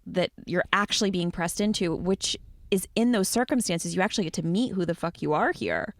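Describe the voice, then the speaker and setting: Gravelly-voiced woman, frank podcast chat. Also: on the low side, a little fast, no room sound. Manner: frank, frequent verbal fillers and agreeing interjections. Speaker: podcast co-host. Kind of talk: casual conversational podcast.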